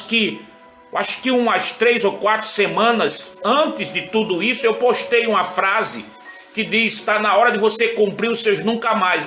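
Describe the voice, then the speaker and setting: A pastor in his fifties preaches an earnest, tender sermon online, pausing to greet viewers by name. His voice sits high and bright. It rings in a reverberant room over soft background music. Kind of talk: live-streamed sermon with personal testimony.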